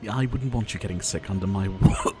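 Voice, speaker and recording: Sitting low in pitch and moving a little fast, a man's natural voice portrays a gentle, unwell pharmacist doctor in an ASMR roleplay. He's soft and theatrical, with courteous, wistful wording and sighs, and comes across chatty and caring against a noisy background.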